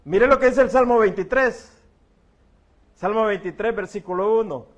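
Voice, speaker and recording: A middle-aged pastor with a notably high voice. He preaches a church sermon in a folksy, joking way, keeping close to the congregation by calling each listener brother. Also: moderate pace.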